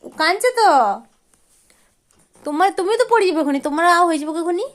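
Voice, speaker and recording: High-voiced woman cooing baby talk. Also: expressive, quick pace. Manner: sing-song, questioning, playful scolding. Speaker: mother talking to her toddler. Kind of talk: baby talk, coaxing a small child.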